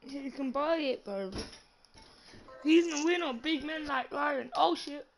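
A man's voice: very high voice, takes it slowly, faint music behind. A young man with a London roadman accent and slang, bantering casually while streaming a game.

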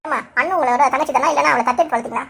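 A woman's voice: high-pitched, rapid-fire, creaky, a bit bright, slight background noise. A woman voicing a sarcastic, bossy older woman in a cartoon. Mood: accusing. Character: sharp-tongued older woman, mocking in-law. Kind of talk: cartoon voice acting.

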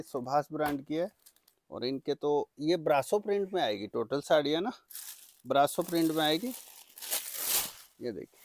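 A man presenting products for sale in an eager, repetitive teleshopping-style pitch. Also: slight background noise. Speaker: saree seller presenting products. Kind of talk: product sales demonstration.

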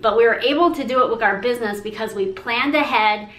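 A woman in her forties talks to the camera in front of a pink painted brick wall, sharing business tips upbeat and encouragingly while gesturing. Her voice is on the high side, brisk, and fairly bright, and the sound is roomy.

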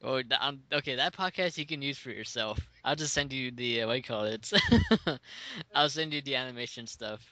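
This voice sounds bright and sharp at a mid pitch. The speaker gives short, laughing replies in a casual chat over a voice call. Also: normal speed.

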